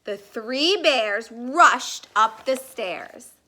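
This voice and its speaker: With a high, bright voice, a woman reads a children's story expressively and without hurry, her pitch swinging widely. Her storytelling is animated and deliberate, stressing certain words.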